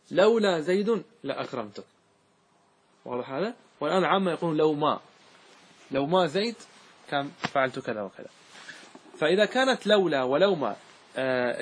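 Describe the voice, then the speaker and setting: Man, grammar lesson, husky, slightly high voice, chants verses, keeps asking "clear?". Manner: checks understanding with repeated "clear?", chants verses slowly. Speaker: sheikh teaching Arabic grammar. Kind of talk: classroom lecture on a classical grammar poem.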